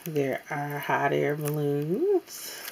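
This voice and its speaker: A woman casually showing off her craft supply haul at a table, talking in an unhurried way with many ums and pauses. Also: sits low, sing-song, creaky, noisy background. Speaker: crafting vlogger. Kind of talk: casual haul show-and-tell. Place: indoors at a tabletop.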